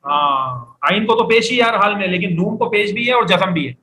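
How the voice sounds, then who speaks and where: A man's voice: high-pitched, lively intonation, moderate pace, bright, forceful tone. A man teaching Arabic vocabulary in a classroom lecture. He drills words and has his students repeat them after him. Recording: echoey room, faint background noise.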